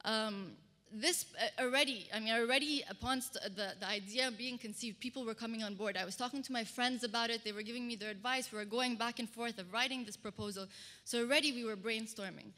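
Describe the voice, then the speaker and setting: In a large hall, a Kuwaiti woman tells the audience a personal story, speaking as a public speaker and fashion designer at a conference. She sounds a little high, brisk, and pushed, with a bright edge. The amplified stage sound carries plenty of room reverb.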